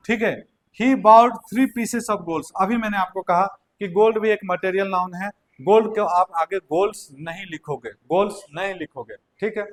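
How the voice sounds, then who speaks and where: A male teacher giving a language grammar lecture, repeating key points and checking in with his students often. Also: high voice. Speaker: English teacher. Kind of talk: classroom lecture.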